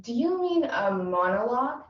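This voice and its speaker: A woman's voice: fairly high pitch, big pitch swings, moderate pace, highs cut off. A young woman performing a prim, impatient casting director who gives clipped, dry instructions, heard in an echoey room from a distant mic. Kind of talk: competitive humorous interpretation.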